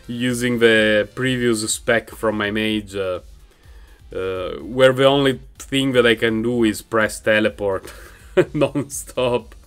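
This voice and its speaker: A man with a non-native English accent sits on his couch at home playing a game, rambling casually and laughing often into a mic raised in front of him. His voice is fairly low, fairly even, slow, slightly bright and clean, with soft music in the background. He hosts a gaming channel.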